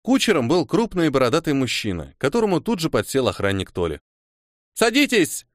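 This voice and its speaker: A man reading a story aloud with animated, expressive delivery. His pitch moves a lot while staying mid-range. The recording is dry and close to the mic. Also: fast, dry recording. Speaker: audiobook narrator. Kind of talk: storybook narration.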